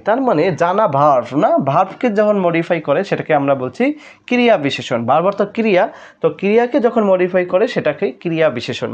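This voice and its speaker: A man's voice: high-pitched, darkish tone, dull audio. A man with a Bangladeshi Bengali accent working through admission exam questions as a tutor, explaining each answer and checking understanding with rhetorical questions. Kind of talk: exam solution lesson.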